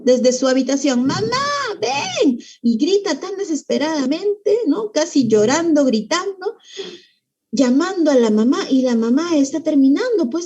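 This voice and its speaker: A woman's voice: high-pitched, dark tone, dull audio. A woman leading a parenting workshop. She explains patiently and keeps checking in with her listeners through tag questions. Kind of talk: parenting talk.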